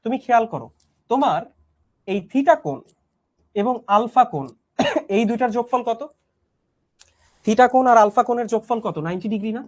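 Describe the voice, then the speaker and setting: In a live online math class, a young man with a high, strained voice speaks softly. He patiently repeats each step and often checks whether his students are following.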